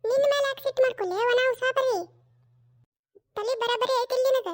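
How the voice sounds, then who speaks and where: Performer doing a stubborn cartoon mother-in-law: North Karnataka Kannada accent, shrill, brisk scolding. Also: fairly even intonation. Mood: irritated. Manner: scolding, refuses stubbornly, drawn-out retorts. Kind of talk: cartoon comedy skit.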